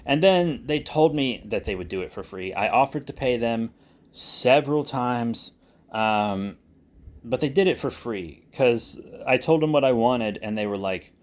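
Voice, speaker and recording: A man who creates online videos and writes delivers an unhurried, casual update to his audience, with a mid-range voice and lively intonation. His informal rambling is marked by frequent self-corrections as he works through his thoughts.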